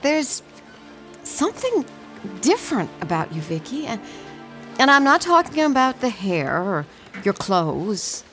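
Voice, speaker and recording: An actress playing a kind elderly grandmother who speaks haltingly, searching for words. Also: a little high, sing-song, fairly bright tone, faint music behind.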